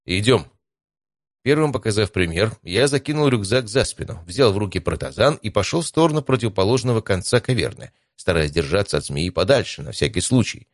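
A man with a very deep voice narrates an adventure audiobook in the first person, calm and even, though a little fast with few pauses. The recording is close and completely dry, without room echo.

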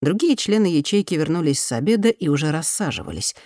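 Audiobook narrator: woman, calm and even, lower register, dry studio sound. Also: fast talker, no echo. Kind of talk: scripted narration.

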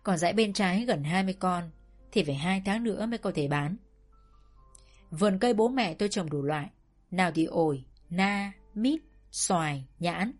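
Woman storyteller, first-person narration, even delivery, faint music behind. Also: on the low side, moderate pace.

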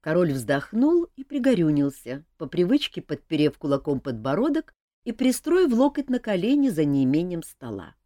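A woman narrating an audiobook in a measured storytelling manner. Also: lowish voice, big pitch swings, warm tone, no room sound, studio quality. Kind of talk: scripted narration.

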